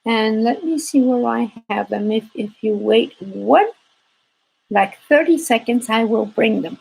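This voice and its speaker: A native Spanish-speaking woman with a Spanish accent hosts a casual craft livestream, talking in a halting, rambling way and often repeating phrases. Her voice is a little high, creaky, and husky with a darkish tone. The recording quality is low.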